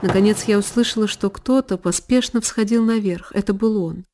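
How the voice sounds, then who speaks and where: A woman reading a classic novel aloud as audiobook narration, in a measured, emotive way. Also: medium pitch, warm tone. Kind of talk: scripted literary narration. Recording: long reverb, faint violin music behind.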